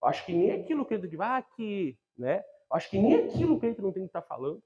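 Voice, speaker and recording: A man with a Brazilian Portuguese accent preaching a sermon, talking conversationally, asking the congregation frequent tag questions and rising to loud, emphatic scripture readings. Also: sits high, very animated, fast talker, lo-fi sound. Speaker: pastor.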